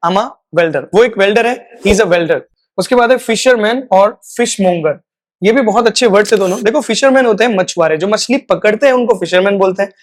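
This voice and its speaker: A man teaching a spoken English lesson. He repeats each example phrase, stretches it out slowly, and checks in often with "right?". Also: sits high. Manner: slow, drawn-out model phrases; repeats words for practice.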